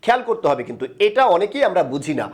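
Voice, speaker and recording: A man with a high voice teaches a grammar lesson to a video audience. He asks a question and then answers it himself. He draws sounds out slowly so viewers can repeat them. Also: big pitch swings. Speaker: Bengali grammar instructor.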